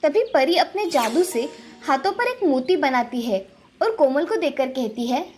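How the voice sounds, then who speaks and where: A woman narrating a children's moral story in a steady, expressive storytelling manner. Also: high-pitched, unhurried.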